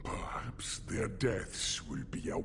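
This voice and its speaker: An actor playing a grave, patient alien warrior monk in a video game, a man with a gravelly, breathy rasp. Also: slow pace, lightly acted. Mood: grave, menacing. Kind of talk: theatrical video game acting. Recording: loud background noise.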